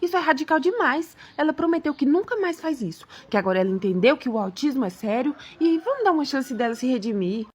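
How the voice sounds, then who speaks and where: A woman's voice: high-pitched, big pitch swings, fast, hardly any pauses, darkish tone. A woman playing a meek, pleading husband. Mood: placating. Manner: pleading, placating. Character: meek conciliatory young husband.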